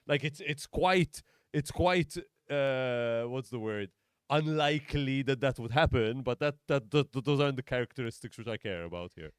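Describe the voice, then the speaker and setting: A man's voice: mid-range voice, moderate pace, clear, resonant tone, no echo, studio quality. A man, a comedian chatting as a podcast guest, rambling and playful with plenty of swearing. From Malta. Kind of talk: casual chat.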